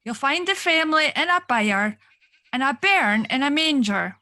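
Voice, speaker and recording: A woman playing a brisk, high Aberdeen angel. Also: expressive, pushed and bright. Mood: impatient. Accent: Scottish, Aberdeen. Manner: brisk, impatient. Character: brisk, impatient Scottish angel messenger.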